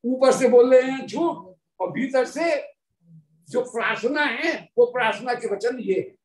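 A woman giving a devotional scripture discourse, telling the story in an animated, dramatic way and reciting verses. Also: a little high, unhurried. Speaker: devotional speaker. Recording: roomy, distant mic.

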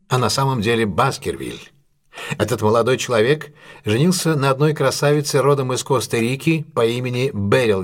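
A man with a medium-pitched voice performs audio drama dialogue as a confident, brilliant detective. His expository monologue walks through the case in a deliberate, emphatic and analytical way.

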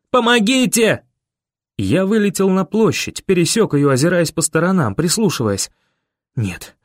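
A man reads a first-person audiobook with a dramatic, intense delivery, voicing the characters' desperate cries. His voice sits a little high for a man. The recording is close and dry, with no room echo. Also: a little mellow. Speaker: audiobook narrator.

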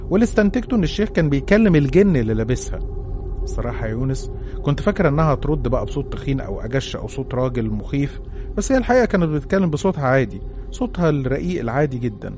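A man's voice: mid-range voice, expressive, very fast, a little mellow, a little hiss or hum. A man with an Egyptian accent narrating a listener's horror story in the first person. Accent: Egyptian Arabic.

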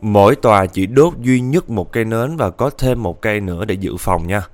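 Guy narrating a spooky story, chatty, kinda low voice, soft music behind. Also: lively intonation, normal speed. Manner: chatty, addresses listeners directly. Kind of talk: casual ghost story narration.

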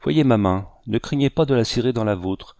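A man's voice: medium pitch, expressive, moderate pace, darkish tone, no room sound, clean studio sound, lightly acted. A man voicing a cordial, commanding French general in an audiobook, with formal, assured speech.

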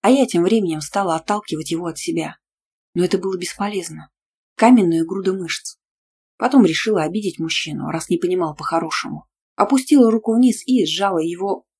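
Woman, audiobook narration, lively, sarcastic, low voice, faint hum. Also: fairly quick. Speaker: audiobook reader. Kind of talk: first-person audiobook narration.

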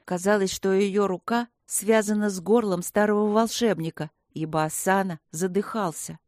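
A woman narrating a fantasy story in an expressive storytelling manner. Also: mid-range voice, moderate pace, dry recording, clean studio sound.

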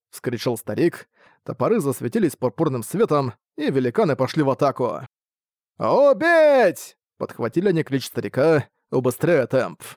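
Мужчина-чтец с ровной подачей. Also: male voice, mid-range voice, a little mellow, no echo, clean studio sound. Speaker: audiobook narrator. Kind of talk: scripted fantasy narration.

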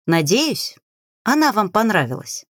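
A woman narrating an audiobook in a playful, expressive storytelling manner, recorded on a close studio mic. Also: medium pitch, a little slow, dry recording.

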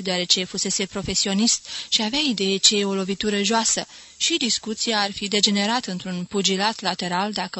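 A woman narrating a novel as an audiobook, reading in a clear, measured way. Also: medium pitch, a bit bright.

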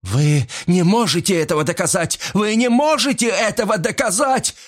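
A man voicing a furious middle-aged woman accused of crimes, shrill and screaming in an audiobook. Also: lively intonation, unhurried. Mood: hysterical.

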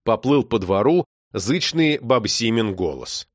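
A man narrating a children's story aloud with expressive delivery. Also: medium pitch, unhurried, no echo, clean studio sound. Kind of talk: audiobook reading of a children's story.

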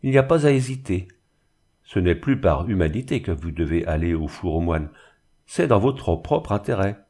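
A man voicing an obsequious, smooth-talking village bailiff with an unctuous, honeyed manner. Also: fairly low pitch, lively intonation, normal speed, a little mellow. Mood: wheedling.

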